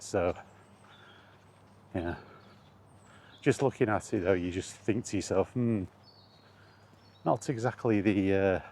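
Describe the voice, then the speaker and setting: In a deep, slightly mellow voice, a solo vlogger talks casually to himself while walking streets or paths outside. His musings ramble along with trailing asides, and the environment makes the recording noisy.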